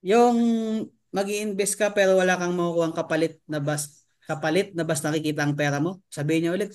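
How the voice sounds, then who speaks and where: A man with a high voice leads a sales training seminar. He keeps turning to his listeners with rhetorical questions and drops English terms into his talk as he explains. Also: fairly even intonation, quick pace. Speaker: network marketing trainer.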